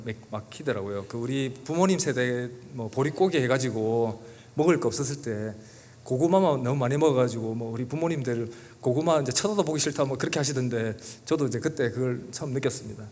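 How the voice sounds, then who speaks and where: A man's voice: medium pitch, brisk, darkish tone. A middle-aged man, a guest pastor, tells a personal story in a church sermon in an earnest, emotional way. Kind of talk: sermon testimony. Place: church sanctuary.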